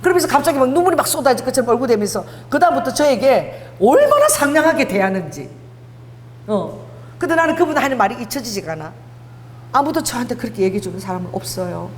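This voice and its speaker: A woman's voice: a little high, sing-song, fast talker. A middle-aged woman pastor preaching a conversational sermon, telling personal stories and acting out the dialogue. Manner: conversational, mixes casual and polite speech, acts out dialogue. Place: church prayer hall. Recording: long hall reverb, faint hum.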